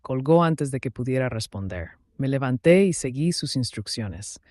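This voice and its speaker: Man narrating a dramatic story calmly. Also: mid-range voice, normal speed, dry recording, clean studio sound. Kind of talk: first-person story narration.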